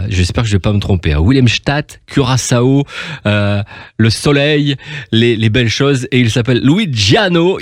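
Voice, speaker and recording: A man's voice: mid-range voice, dry recording, studio quality. A male host running a casual interview in a chatty, upbeat way, often repeating himself. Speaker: radio host.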